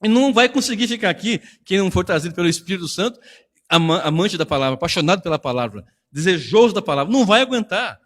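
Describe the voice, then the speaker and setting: A man preaching in Brazilian-accented Portuguese, his pitch sitting a little high and leaping up and down with animated emphasis. He talks to the congregation directly and conversationally. A long church reverb trails behind every phrase. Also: fast talker. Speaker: pastor. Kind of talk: sermon. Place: church hall.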